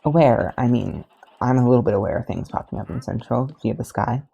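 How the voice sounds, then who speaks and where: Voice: medium pitch, a little fast, gravelly, dark tone, husky, highs cut off. A podfic reader voicing the Flash, an upbeat young male speedster who rambles and corrects himself. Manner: friendly, rambling, self-correcting.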